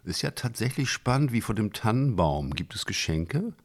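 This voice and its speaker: A man voicing a curious male journalist who asks quick, teasing questions. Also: fairly low pitch, sing-song, pitched above the performer's own voice.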